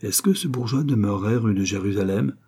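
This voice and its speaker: A wary, humble cab driver, voiced by a male reader in a storybook reading. He answers in short, respectful replies in a low, husky voice. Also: fairly quick, warm tone. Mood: deferential.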